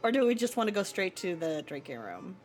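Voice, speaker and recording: A woman co-hosts a game playthrough in loose, casual chat. Her intonation is lively and varied, and music plays faintly behind her. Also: mid-range voice, fairly quick.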